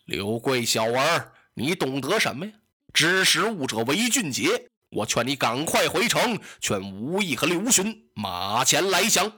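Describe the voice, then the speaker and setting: A male storyteller voicing a proud elderly general, speaking lower with slow, weighty delivery. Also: very animated, pushed and bright, breathy edge, exaggerated voice. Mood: stern.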